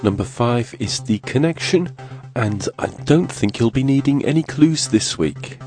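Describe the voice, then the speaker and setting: A man's voice: medium pitch, animated, a little slow, darkish tone, soft background music. A man with a congested, nasal voice from a cold, hosting a quiz podcast in an orderly, scripted way. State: has a cold, sniffly.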